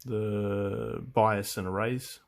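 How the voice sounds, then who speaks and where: A hobbyist presenter gives a casual, unscripted walkthrough of vintage audio gear, thinking aloud as he handles the machine. His low, gravelly voice keeps a steady tone, and his delivery is hesitant and halting.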